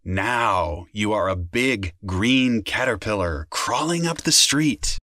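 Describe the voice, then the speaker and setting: A man voicing a kindly police officer who gives calm, gentle commands to a group of children. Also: lowish voice, takes it slowly, no room sound, clean studio sound, pitched below the performer's own voice, full character voice.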